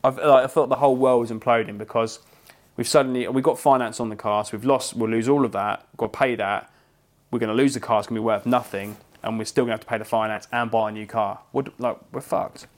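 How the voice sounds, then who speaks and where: A young man with an English accent tells a long story in a loose, conversational way. He slips into quoting the other people in it and swears freely. His delivery is animated, with a medium pitch for a man. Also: quick pace. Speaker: podcast co-host. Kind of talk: casual storytelling chat.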